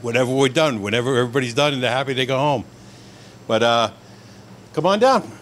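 A man's voice: medium pitch, fairly bright tone, a little hiss or hum. A middle-aged man who owns a deli, speaking into a handheld mic in a friendly, upbeat way. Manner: friendly, upbeat, listing things quickly. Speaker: deli owner. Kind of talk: casual on-camera intro. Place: indoors in a deli kitchen.

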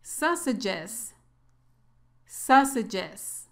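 Slow-spoken woman teaching pronunciation. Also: fairly high pitch, very animated. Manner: slow, careful drilling of words twice. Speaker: English teacher. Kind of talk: pronunciation lesson.

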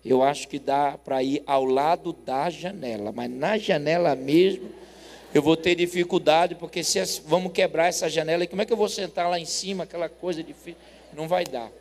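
A Brazilian man in his forties preaching as a pastor, telling a story with lively acted dialogue and loud laughter. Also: a little high. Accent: Brazilian Portuguese. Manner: animated, acts out both sides of a dialogue, laughs loudly. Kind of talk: sermon storytelling. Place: church. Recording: long reverb of a church hall.

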